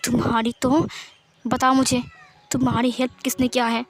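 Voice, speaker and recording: A woman's voice: a little high, level tone, moderate pace. A woman voicing a cold, short-tempered young mafia boss who speaks in curt commands. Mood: angry.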